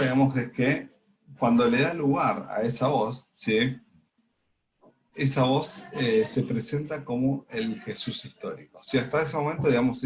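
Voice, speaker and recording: A man's voice: medium pitch, slight background noise. A man with an Argentine Spanish accent leading an informal spiritual study lesson, explaining at length and checking in with his listeners constantly. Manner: explains with frequent "¿sí?" check-ins and "digamos" fillers. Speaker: spiritual study group leader.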